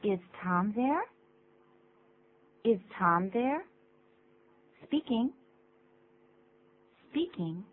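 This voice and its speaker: A woman from the United States, a native English speaker, co-hosting a radio English lesson and calmly modeling phrases. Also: medium pitch, extremely slow, pauses often. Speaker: co-host, English teacher. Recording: tinny lo-fi radio broadcast with faint hum.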